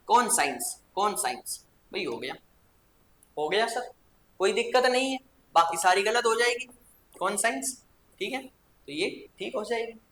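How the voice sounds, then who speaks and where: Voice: mid-range voice, a bit bright, slight background noise. A teacher giving a spelling lesson to schoolchildren, spelling each word letter by letter and checking in with questions. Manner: spells words slowly letter by letter, with coaxing questions. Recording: echoey room.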